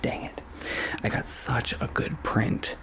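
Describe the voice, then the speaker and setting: A man doing casual ASMR, rambling and thinking aloud in a hushed, often whispered voice, close to a microphone in a small home studio. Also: slow pace. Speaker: ASMR video creator. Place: small home studio bedroom with acoustic panels. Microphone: stereo XLR microphone, close up. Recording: clear background noise, clicks.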